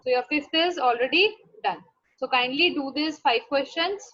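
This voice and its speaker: A woman's voice: high voice, normal speed, fairly bright tone. A woman with a North Indian accent teaching maths in an online class, instructive and often checking that students follow. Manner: instructive, frequently checking understanding with questions. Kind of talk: online class lesson, mixing Hindi and English. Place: live online class call. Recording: dull lo-fi online class audio.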